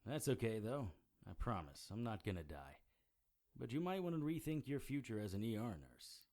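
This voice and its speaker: An actor playing a wry, deadpan supernatural private eye who narrates his own audio drama in a hardboiled style. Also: lowish voice, moderate pace. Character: dry-witted male private investigator narrator. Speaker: narrator and lead character.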